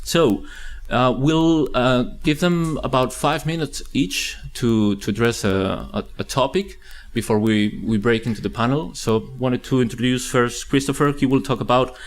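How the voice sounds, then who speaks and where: An event presenter with a mid-range voice and moderate pace introduces the speakers on a conference panel. He hesitates frequently and uses lots of fillers.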